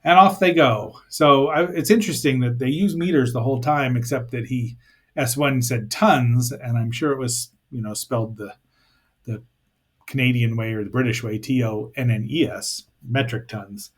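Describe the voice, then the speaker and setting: Husky man recapping a show casually. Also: medium pitch, normal speed. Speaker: podcast host. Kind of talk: casual episode recap and commentary.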